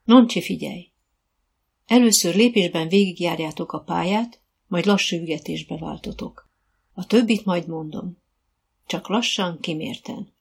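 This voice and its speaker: A woman's voice: fairly low pitch, vocal fry, husky. A woman voicing an adult female riding instructor who is patient and encouraging, calling out commands to her pupils.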